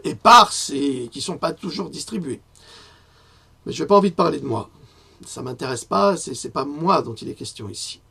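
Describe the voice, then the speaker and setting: Male press commentator, husky and higher-pitched, indignant delivery broken by frequent hesitations. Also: a bit bright. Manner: indignant, rising to outrage, many filler hesitations. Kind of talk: spoken press review.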